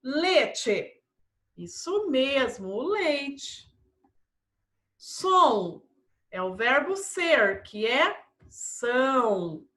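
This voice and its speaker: A Brazilian woman teaching Spanish vocabulary to children, slowly repeating each word and its translation. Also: high-pitched, big pitch swings, fairly bright tone, reverberant. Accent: Brazilian Portuguese. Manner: slow, repeats each word in two languages. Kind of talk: online vocabulary lesson for children.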